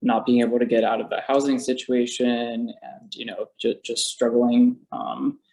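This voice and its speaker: A young man with a mellow, dark voice speaks on a video call. He is hesitant and fills his sentences with ums and you-knows. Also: medium pitch, level tone, moderate pace, rough recording. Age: young adult. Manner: hesitant, many fillers. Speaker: student. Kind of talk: online community meeting introduction.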